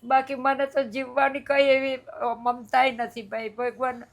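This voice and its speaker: A woman's voice: high voice, little pitch movement, measured pace. Weeping elderly woman, tearful. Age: older. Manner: tearful, pleading, repetitive. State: crying. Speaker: interviewee. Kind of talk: emotional personal account.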